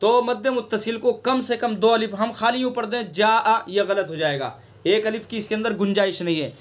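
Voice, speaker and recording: A man's voice: high-pitched, a little fast. A man with a Delhi Urdu accent teaching Quran recitation in an online class, patiently explaining, quizzing students and stretching out sounds to demonstrate. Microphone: online class call.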